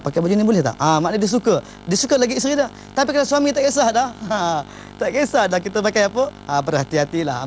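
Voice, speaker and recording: A man's voice: high voice, slight background noise. A man gives an informal advice talk on marriage. He speaks emphatically and often opens his lines with "ha".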